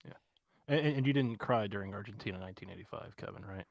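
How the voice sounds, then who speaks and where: Man, podcast co-host, low and gravelly, quick dry delivery. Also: no room sound. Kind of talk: casual podcast chat.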